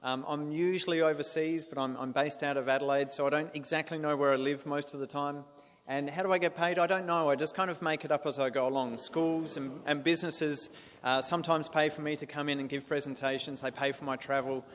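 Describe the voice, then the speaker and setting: A man's voice: on the high side, fairly even intonation, brisk, fairly bright tone. Earnest Australian man in an echoey hall. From South Australia. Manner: earnest, with frequent restarts and fillers. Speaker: guest speaker. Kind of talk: presentation to a club. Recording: echoey hall with faint noise.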